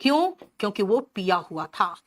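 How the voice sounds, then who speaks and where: A woman from Bihar teaching English words in a live online class, briskly and in a motherly way, switching to English terms and answering students' questions as she goes. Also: mid-range voice, big pitch swings, fairly bright tone, dry recording, clean studio sound. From Bihar, India. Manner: explains English words in Hindi, switching between the two.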